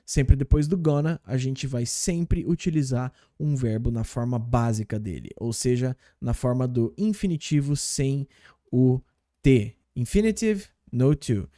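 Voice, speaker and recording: A Brazilian man teaching English in Portuguese, repeating example phrases slowly and patiently. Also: medium pitch, dark tone, no room sound, clean studio sound. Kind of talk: language lesson explaining game clips.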